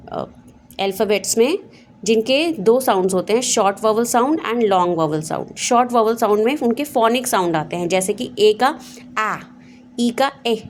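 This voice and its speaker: A woman with an Indian accent who teaches vowel sounds to parents, spelling words out slowly, sound by sound. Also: fairly high pitch, a little hiss or hum. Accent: Indian English. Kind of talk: phonics lesson for parents.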